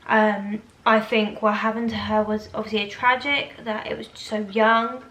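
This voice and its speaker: Casting: British female vlogger, twenties, informal rambling chat, mid-pitched voice, roomy echoing sound. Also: little pitch movement, moderate pace, a bit bright. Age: 20s. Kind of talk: casual chatty Q&A to camera. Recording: echoey room, faint background noise.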